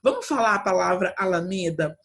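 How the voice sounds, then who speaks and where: A woman's voice: on the low side, lively intonation, brisk. A Brazilian woman who teaches Portuguese, giving a class from home and explaining step by step with frequent checks on her students. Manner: explains patiently, lots of checking "né?" and "tá?".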